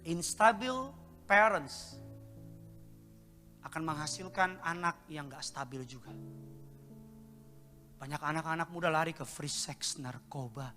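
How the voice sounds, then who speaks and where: A man in his fifties preaches from a live church service, his high voice shifting from loud, impassioned outbursts to slow, hushed stretches. His tone is very bright and cutting. The long reverb of a large hall follows each line, with faint music behind. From Indonesia. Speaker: pastor. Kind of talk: sermon.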